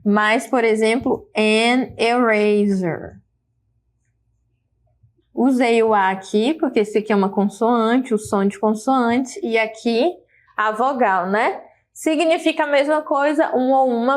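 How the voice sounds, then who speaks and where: A woman's voice: a little high, unhurried. A Brazilian woman with a Brazilian Portuguese accent teaching an English grammar lesson, explaining patiently and checking in with her students.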